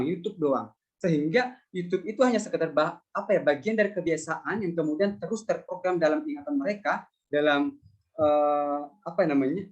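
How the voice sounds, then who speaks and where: A man giving a public lecture in a somewhat high voice. He speaks in a relaxed, conversational way, often repeating phrases and adding fillers as he explains. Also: lo-fi sound. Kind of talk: public lecture answering questions.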